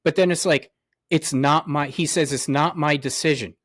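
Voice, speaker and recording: A man co-hosting a sports podcast, ranting heatedly with lots of swearing, his voice jumping loud and high. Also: moderate pace, no echo, studio quality. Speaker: podcast co-host. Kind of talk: sports talk rant.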